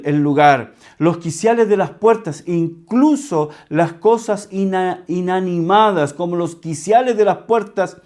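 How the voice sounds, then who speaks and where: Chilean male pastor; slow, emphatic preaching with a slightly high voice. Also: a little mellow. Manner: slow, emphatic teaching with repeated key words. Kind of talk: sermon.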